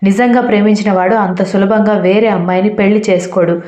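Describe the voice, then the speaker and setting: A woman's voice: mid-range voice, fairly even intonation, fast talker, mellow, lightly acted. A woman voicing a naive, easily confused young heroine in a storybook reading. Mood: assertive. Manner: puzzled, questioning. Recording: roomy, slightly dull recording.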